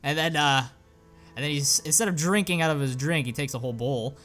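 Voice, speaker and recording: A man's voice: on the high side, fairly quick, a bit bright, soft background music. A young man recapping a comic as a casual story on his channel, rambling with lots of "and then, uh". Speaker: YouTuber.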